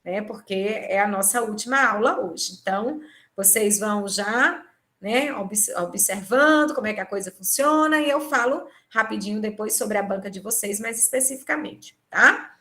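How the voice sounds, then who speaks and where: Speaking with a Brazilian Portuguese accent, a woman teaches a live online exam-prep class from a home or office video conference. Her mid-range voice moves at a moderate pace and sounds pushed and bright as she explains things step by step and checks in with tag questions. She's picked up by a computer microphone on the video call.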